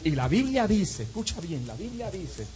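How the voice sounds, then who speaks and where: A male pastor preaching an evening sermon, firing off repeated rhetorical questions and swinging between shouts and hushed asides. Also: high voice, big pitch swings, moderate pace, faint music behind, low-quality recording. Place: church.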